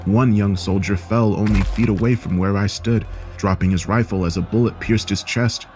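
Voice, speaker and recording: A man narrating a scripted horror story in a steady, grave manner. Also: lowish voice, moderate pace, faint music behind.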